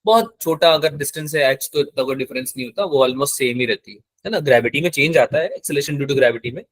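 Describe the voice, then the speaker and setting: A man's voice: medium pitch, a little fast, no echo. A male physics teacher giving a live lecture in Hindi mixed with terms, often asking the class check questions. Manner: mixes English terms into Hindi.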